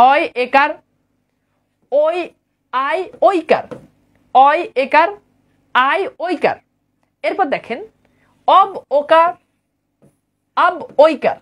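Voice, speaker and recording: Woman, high voice, grammar lecture, repetitive drilling, quizzes listeners. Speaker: grammar teacher.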